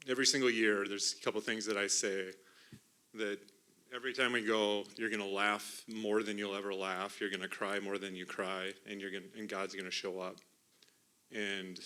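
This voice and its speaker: A middle-aged man giving an emotional church testimony about a mission trip, partly reading from notes, earnest and halting with restarts. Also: fairly low pitch, pushed and bright. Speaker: mission trip team member sharing testimony. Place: church sanctuary.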